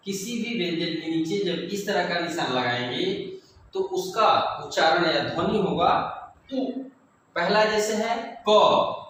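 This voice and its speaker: Slow-paced man teaching in an echoey room. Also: high-pitched, fairly bright tone. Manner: slow, deliberate, repeats each sound to pupils. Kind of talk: classroom lesson for children. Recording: echoey room, mic far off, faint noise.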